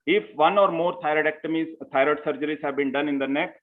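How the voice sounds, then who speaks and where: A man's voice: a little high, steady tone, fast talker. Methodical man over phone-like audio. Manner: methodical, step-by-step explaining with frequent "you know". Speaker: surgeon lecturing at a medical conference. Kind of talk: medical lecture. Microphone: remote call line. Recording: tinny phone-like call audio.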